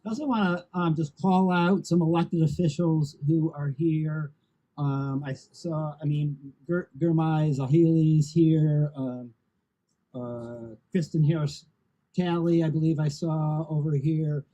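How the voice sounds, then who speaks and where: A man gives prepared remarks at an outdoor ceremony and often pauses with ums and uhs. His voice is mellow and a little higher than average. The recording sounds dull and muffled, as if taken from the PA. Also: fairly even intonation. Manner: measured, with frequent ums and uhs. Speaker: housing nonprofit executive.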